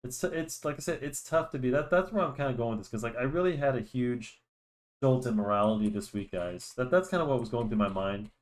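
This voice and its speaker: This drawing channel host is a young man whose medium-pitched voice moves briskly as he chats while drawing. He rambles, restarting often and using lots of fillers, sounds slightly nasal from a cold, and speaks into a desk microphone.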